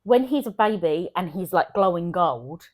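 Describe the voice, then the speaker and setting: Chatty woman, low voice. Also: lively intonation, normal speed. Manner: chatty, enthusiastic, trails off and restarts. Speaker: podcast co-host. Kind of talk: casual chat.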